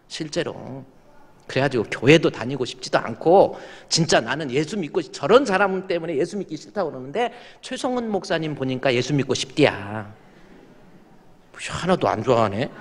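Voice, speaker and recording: Animated Korean preacher in a reverberant church. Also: male voice, medium pitch. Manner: animated, acts out quoted voices, swings from hushed to shouting. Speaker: pastor. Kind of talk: sermon. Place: church sanctuary.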